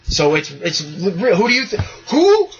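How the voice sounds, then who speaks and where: A man hosting a podcast in casual chat, excitable and rambling, swearing freely with bursts of enthusiasm. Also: high voice, unhurried, husky, dull audio. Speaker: podcast host.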